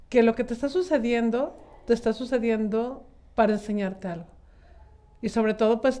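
A woman's voice: on the high side, a little mellow. A woman in her thirties with a Mexican accent, talking reflectively and rambling with many fillers in a casual group chat.

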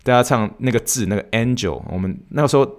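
Fast-talking Taiwanese man, chatty host. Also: medium pitch. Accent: Taiwanese Mandarin. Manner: chatty, rambling storytelling with many restarts. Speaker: podcast host. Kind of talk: casual solo podcast chat.

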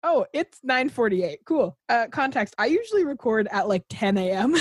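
A young woman in her twenties hosting a casual podcast chat, chatty and giggly, telling stories with lively put-on quotes. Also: a little high, a little slow, husky, no echo, studio quality. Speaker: podcast host.

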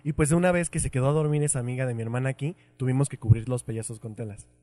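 A man's voice: mid-range voice, steady tone, fast talker, mellow, dry recording. A young man with a Mexico City Spanish accent, co-hosting a casual podcast chat at home, slangy and joking, laughing often. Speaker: podcast co-host.

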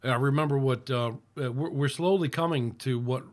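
A man's voice: mid-range voice, a little fast. A middle-aged man from the United States giving casual political commentary as host of his own channel, rambling with frequent restarts and fillers.

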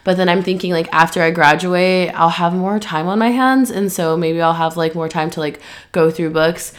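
Her voice is on the lower side and moves at a moderate pace. The young host, in her 20s, chats casually on her own podcast about her plans, sounding slightly stuffy and nasal from allergies while rambling along with lots of "um"s and "like"s.

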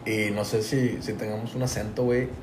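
A young man from Tampico co-hosts a podcast in a Mexican Spanish accent, keeping the talk casual, profane, and packed with slang, saying "güey" constantly. His fairly low voice is flat and fairly quick, recorded in an echoey room with clear background noise.

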